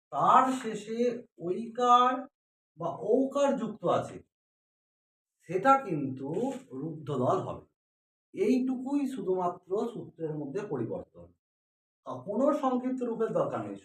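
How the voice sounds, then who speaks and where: A man teaching a grammar lesson, asking questions and then answering them himself. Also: sits high. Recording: echoey room, mic far off.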